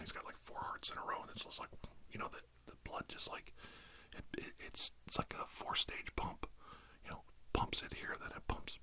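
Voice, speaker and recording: Playing a self-styled healing doctor, a deep-voiced man tells a rambling ASMR story. He meanders and hesitates, staying deadpan and earnest throughout.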